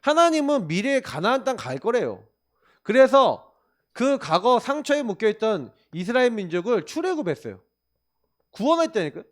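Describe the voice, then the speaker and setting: Male pastor, sermon, high and very lively pitch, emphatic rhetorical questions. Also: normal speed. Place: church.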